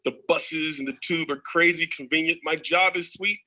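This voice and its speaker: A man's voice: a little high, steady tone, moderate pace, sharp tone, low-quality recording. A man on a radio show chatting with enthusiasm and jokes, then reading a community poem. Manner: enthusiastic, jokey. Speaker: radio poetry contributor.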